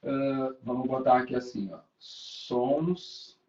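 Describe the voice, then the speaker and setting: A man's voice: medium pitch, takes it slowly, a little mellow, highs cut off. A young adult man, teaching a live online class in a casual, chatty way with light swearing. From Brazil.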